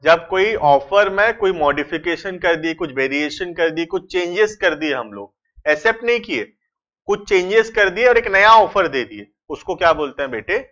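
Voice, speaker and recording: A man with an Indian accent teaching a commerce lecture, dictating notes slowly word by word and addressing students fondly. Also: sits high, lively intonation, a bit bright, highs cut off.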